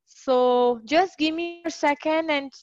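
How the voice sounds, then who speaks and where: A woman's voice: high voice, takes it slowly, darkish tone, highs cut off. A woman teaching a live online English class, cheerful and encouraging, praising her students over a computer mic.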